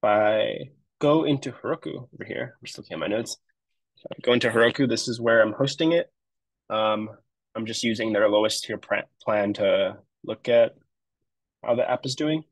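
A man's voice: on the low side, moderate pace, no room sound, poor audio. A man on a marketing web team giving a casual, explanatory screen-share walkthrough of a project he set up, with frequent fillers. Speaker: web developer.

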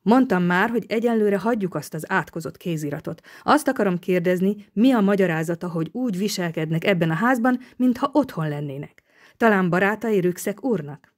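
A woman's voice: lowish voice, lively intonation, darkish tone. A woman reading an audiobook, voicing a stern middle-aged male police inspector who asks tense, probing questions.

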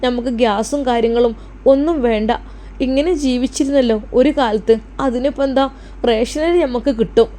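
A woman's voice: fairly high pitch, normal speed, dark tone, close to an everyday voice. A woman voicing a loving, anxious older mother in a spoken story, tender and pleading, with a Malappuram Malayalam accent. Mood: gentle. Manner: tender, pleading, calls her daughter dear.

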